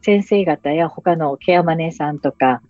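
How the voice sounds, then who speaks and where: A woman nurse in remote home monitoring, explaining her service in an interview with a Hakata dialect and animated storytelling. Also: sits low, measured pace, no room sound, faint music behind. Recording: dull lo-fi recording.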